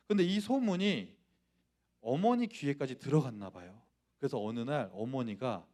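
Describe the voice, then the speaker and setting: A man's voice: on the high side, darkish tone. A male pastor from Gangwon Province in Korea preaching a storytelling sermon in church, acting out dialogue and speaking directly to the congregation. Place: church, Friday prayer meeting.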